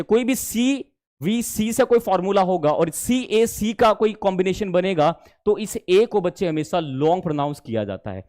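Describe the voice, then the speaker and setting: A man teaching spoken English in a live online class, coaxing his students and praising their answers, with an Indian accent in his English. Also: sits high. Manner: animated, coaxing, calls students "dear children".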